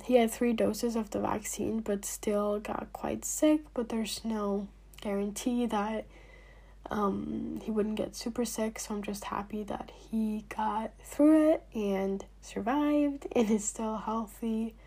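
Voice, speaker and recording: A young woman in her late teens chatting casually to her viewers, a little hoarse after being ill, with many fillers and soft near-whispered trailing words. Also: mid-range voice, steady tone, slow pace. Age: young adult. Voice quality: husky, slightly hoarse. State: recovering from illness, clearing throat. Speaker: vlogger. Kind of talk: casual talk to camera.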